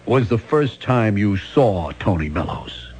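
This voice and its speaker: An actor playing a weary, blunt police lieutenant who fires impatient, probing questions in an old-time radio mystery drama. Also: male voice, fairly low pitch, animated, a little slow, darkish tone, slightly rough, full character voice. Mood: methodical, pressing.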